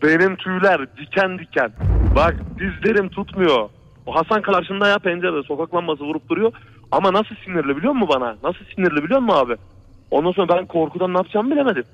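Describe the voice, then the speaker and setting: Fast-talking man telling a scary story. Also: fairly high pitch, fairly bright tone. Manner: rambling, repetitive, keeps saying "brother" and "he said". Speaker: radio show caller. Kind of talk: telling a true horror story on a call-in show. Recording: dull lo-fi radio broadcast.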